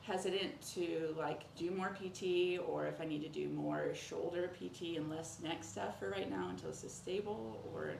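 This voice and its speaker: Speaking as a patient, a woman casually describes her symptoms, filling the conversation with "like" and quoted remarks from others. Her voice is lowish and darkish, steady in tone at a moderate pace with hardly any pauses. The room echoes, and background noise is clearly audible.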